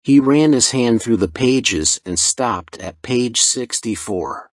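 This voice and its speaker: A male narrator reads a story for English learners in a slow, deliberate way. His voice sits at a middle pitch and sounds dry and close. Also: animated, dry recording.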